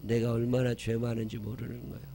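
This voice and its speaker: A man preaching a sermon as pastor, telling stories with loud emphasis and dropping soft for tender quotes. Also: medium pitch, completely flat delivery, quick pace, gravelly.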